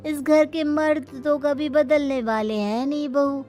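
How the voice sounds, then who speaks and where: A woman voicing a cautious middle-aged mother-in-law who gently admonishes, submissive and anxious, in a family story. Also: high-pitched, steady tone, measured pace, faint music behind, voice pushed up. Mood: resigned advice.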